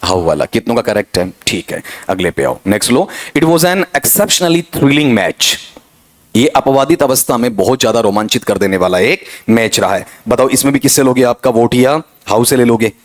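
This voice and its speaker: A middle-aged man, teaching an exam-prep English grammar lesson. He keeps firing rhetorical questions at his students and reads the example sentences slowly and deliberately. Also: mid-range voice.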